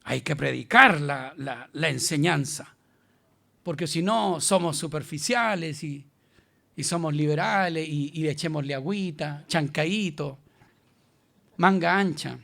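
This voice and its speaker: A man's voice: on the high side, measured pace, gravelly, a bit bright. A male pastor with a Chilean accent, preaching an emphatic, colloquial sermon. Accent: Chilean Spanish.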